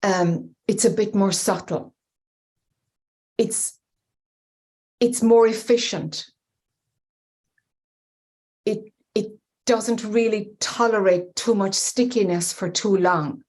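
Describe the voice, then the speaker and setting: An Irish woman, a spiritual teacher, leading a guided meditation in a slow, hesitant, soothing way. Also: mid-range voice, darkish tone.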